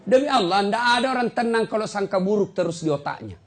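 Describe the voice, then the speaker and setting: A man giving a humorous sermon, animated and teasing, swinging his voice for emphasis. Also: sits high, fast. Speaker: preacher.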